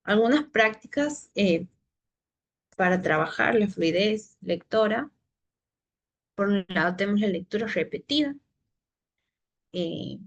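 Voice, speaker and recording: A woman leads a teacher workshop at a middle pitch. She explains patiently, often pausing on "eh" and restarting her phrases. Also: highs cut off. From Santiago del Estero, Argentina. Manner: explanatory, frequent hesitations and restarts. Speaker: literacy trainer for teachers. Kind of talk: teacher training presentation.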